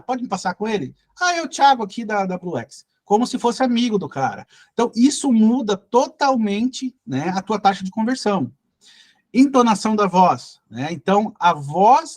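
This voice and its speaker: Brazilian male sales trainer, high voice for a man, coaching tone, constant tag questions. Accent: Brazilian Portuguese. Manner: peppers speech with tag questions; coaching, direct address to learners. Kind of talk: recorded training lesson.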